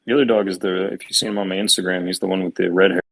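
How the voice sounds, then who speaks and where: A man with a low, slightly husky voice talks through a price chart on a live stream. His delivery is careful and hedging, with restarts as he thinks aloud. The sound is close and dry. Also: fairly even intonation, racing, a bit bright, no echo, poor audio. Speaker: stream host and chart analyst.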